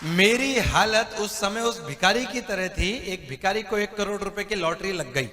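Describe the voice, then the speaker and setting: A man's voice: sits high, measured pace, big-room sound, a faint crowd. A man giving a motivational seminar talk, telling stories and often asking the audience whether they agree. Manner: lively storyteller who asks the audience for agreement. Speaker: motivational speaker. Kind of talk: stage seminar talk with storytelling.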